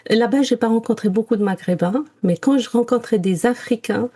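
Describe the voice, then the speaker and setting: With a slightly high, warm voice that's a touch rough, this Moroccan podcast co-host talks fairly quickly. The conversation is casual and reflective, built around personal storytelling, and she hunts for words while dropping in English terms.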